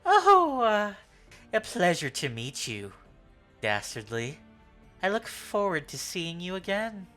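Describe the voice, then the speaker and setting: A man's voice: high voice, huge pitch swings, slow pace, pushed and bright, faint music behind, pitched above the performer's own voice, heavily acted. A man voicing a polite, slippery trickster in a tabletop game, teasing and theatrical in manner. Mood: breezy, courteous. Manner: courteous, theatrical.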